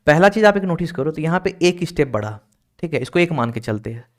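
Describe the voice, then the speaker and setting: A man teaching an online exam-prep reasoning class, explaining each step and keeping students moving with quick check-ins. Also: fairly high pitch, very animated. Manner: explains step by step, keeps checking with "ठीक है?" and urging students to hurry. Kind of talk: recorded class lecture.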